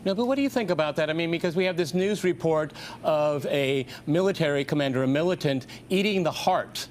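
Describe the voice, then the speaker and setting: A man hosting a televised panel debate, pressing his guests with brisk questions. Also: on the high side, a little hiss or hum. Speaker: host moderating a panel.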